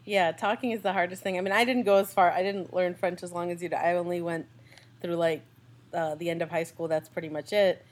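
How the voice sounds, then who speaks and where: A woman's voice: fairly low pitch, fairly even intonation, a little fast. A young American woman co-hosting a podcast, chatting casually and rambling with lots of fillers. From United States. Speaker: podcast co-host. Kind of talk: casual chat.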